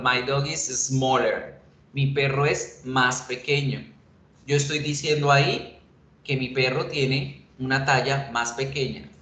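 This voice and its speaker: Slow, patient male English teacher. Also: medium pitch, fairly bright tone. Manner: patient, explains slowly and repeats examples. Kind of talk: bilingual online class lecture. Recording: echoey room with faint noise.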